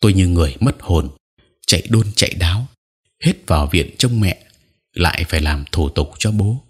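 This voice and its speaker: A man narrating a sad audio story in a slow, sorrowful reading style. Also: sits low, expressive, slightly rough.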